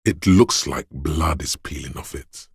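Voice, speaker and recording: Heard close and dry with no room sound, a man's exaggerated voice, very deep, gravelly and husky, embodies a menacing inner voice driven by primal fear and aggression. It narrates a dark video game in the second person, wary and paranoid, slowly and ominously casting every detail as a threat.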